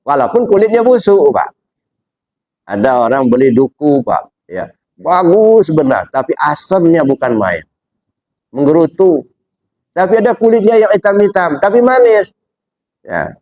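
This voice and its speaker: A man giving a religious study lecture, asking his listeners rhetorical questions and jumping up in pitch to stress his points. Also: a little mellow, no echo, muffled recording. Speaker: Islamic religious teacher.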